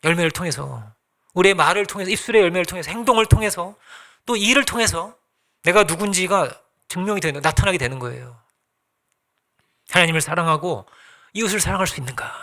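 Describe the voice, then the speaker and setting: A man's voice: high-pitched, fast, bright, forceful tone. A man pastor preaching a sermon in a conversational way, asking the congregation questions and acting out little quoted exchanges.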